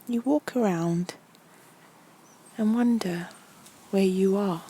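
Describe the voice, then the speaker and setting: A woman with a medium-pitched voice gently narrates a guided meditation story. She speaks deliberately and soothingly, in a breathy tone that frequently nears a whisper, pausing often between short phrases.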